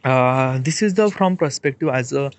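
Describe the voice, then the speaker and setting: Speaking with an Indian English accent, this twenty-something vlogger reflects casually in a meandering, hesitant monologue, pausing to ask "okay?" along the way. His mid-range voice is expressive, with no echo in the recording.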